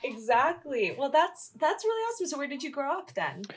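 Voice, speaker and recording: A woman's voice: high-pitched, sing-song, a little fast. A woman co-hosting a podcast, playful and bubbly, teasing and interviewing a guest. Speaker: podcast co-host. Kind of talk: casual podcast chat.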